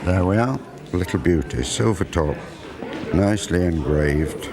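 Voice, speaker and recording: A man in his sixties talking informally to camera about antiques, chatty and unhurried, on a lapel mic in an auction room. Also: deep voice. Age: 60s. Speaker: antiques buyer and presenter. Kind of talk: informal explanatory talk to camera. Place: large indoor auction room. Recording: busy crowd murmur behind.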